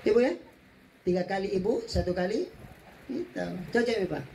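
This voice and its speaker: High-voiced preacher. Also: male voice, animated, moderate pace, creaky, a little mellow, slight background noise, poor audio. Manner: humorous storytelling, mixes in local words. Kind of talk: condolence sermon.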